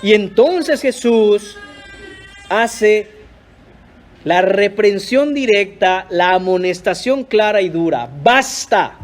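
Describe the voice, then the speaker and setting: A man with a high-pitched voice preaching a sermon in church. He speaks earnestly and emphatically, turning often to address his listeners as brothers. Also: takes it slowly. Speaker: pastor.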